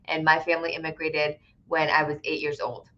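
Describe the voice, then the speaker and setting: A woman's voice: sits low, flat delivery, brisk, pushed and bright, lo-fi sound. A woman immigration attorney answering viewer questions on a live stream in a conversational, explanatory way, with frequent "right?" tags and filler words. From Connecticut, USA.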